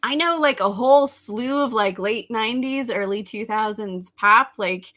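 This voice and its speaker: A woman's voice: a little high, normal speed, pushed and bright. An American woman co-hosting a casual live chat, talking easily and laughing often as she reads comments aloud. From United States. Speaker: livestream co-host.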